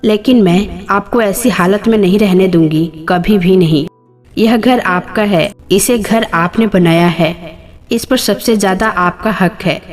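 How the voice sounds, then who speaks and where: A woman's voice: medium pitch, a little slow, soft background music, lightly acted. A woman voicing an indignant grown daughter who scolds her brothers. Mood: pleading.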